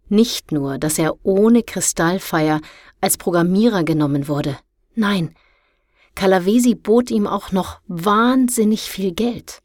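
A woman narrating a children's storybook in a calm, measured way. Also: on the low side, dry recording, studio quality. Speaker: audiobook narrator.

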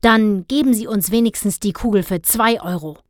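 A woman's voice: medium pitch, moderate pace, no echo, studio quality, natural voice. A woman voicing a grumpy, stingy middle-aged father who scolds indignantly. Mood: grumbling.

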